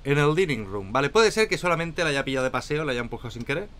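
Lively joking Spanish-accented gamer. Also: male voice, fairly high pitch, fast, a little hiss or hum. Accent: Spain. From Spain. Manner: chatty, joking, talks to viewers. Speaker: gaming YouTuber. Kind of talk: solo gameplay commentary.

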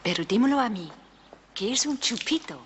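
An actress plays a calm convent nun who reasons firmly, her pitch moving a lot. Clear hiss sits under the old TV audio. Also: moderate pace, natural voice.

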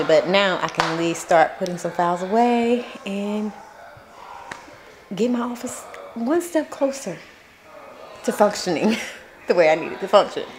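A woman's voice: lowish voice, background noise. An American woman chatting casually and candidly to viewers in a family vlog. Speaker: family vlogger.

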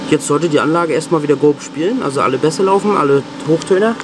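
Talking fast in a fairly high voice, a sound technician and video host gives loose, colloquial vlog commentary. He's inside a venue's rooms and cellar, and the recording carries hum and room noise.

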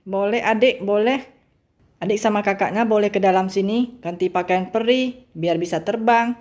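A woman's voice: medium pitch, moderate pace, a little mellow, close to an everyday voice. A woman voicing a friendly, welcoming female fairy who speaks in a kind, reassuring way. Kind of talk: role-play game voicing.

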